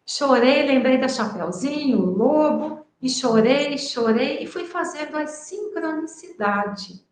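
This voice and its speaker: A woman in her fifties from Brazil, retelling a personal memory at length with emotion and frequent asides. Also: on the high side. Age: 50s. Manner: emotional, drawn-out retelling with many "né". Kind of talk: personal storytelling. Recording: echoey room.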